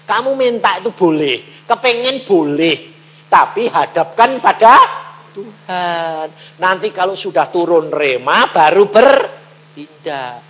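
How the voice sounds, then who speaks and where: A middle-aged man preaching a sermon in with a tinge, telling stories in an animated way and often rising to emphatic calls. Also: high voice, slow, poor audio. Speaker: evangelist preacher.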